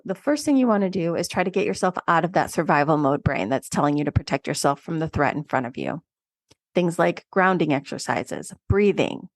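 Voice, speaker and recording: A woman's voice: fairly low pitch, dry recording, studio quality. A woman co-hosting a podcast, giving direct, conversational relationship advice with emphatic asides. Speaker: podcast co-host. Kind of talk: solo relationship advice segment.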